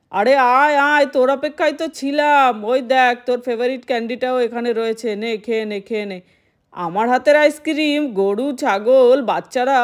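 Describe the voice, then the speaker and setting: A woman's voice: sits high, natural voice. A woman voicing a chatty middle-aged male ice cream seller in a doll-play story, talking with lots of exclamations and scolding.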